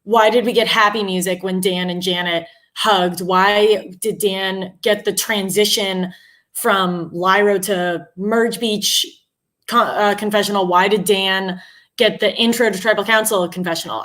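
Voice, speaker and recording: A woman's voice: medium pitch, a bit bright. A woman co-hosting a casual TV recap chat, speaking bluntly with strong opinions and some swearing. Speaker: podcast co-host.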